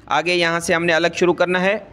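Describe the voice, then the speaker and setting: A man with a Pakistani Urdu accent teaching Quran recitation, chanting verses slowly and melodically, then explaining pronunciation rules at a brisk pace. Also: sits high, little pitch movement, bright, forceful tone, clear, resonant tone. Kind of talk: tajweed lesson, slow chanted recitation alternating with quick explanation.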